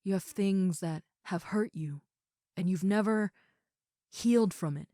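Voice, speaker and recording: A woman voices a gentle, caring seven-foot-six muscular female ogre roommate in an intimate comfort roleplay. Her medium-pitched, natural voice is tender and sincere, soothing and earnest, sometimes hushed, with pauses and sighs. The sound is dry and clean, studio quality.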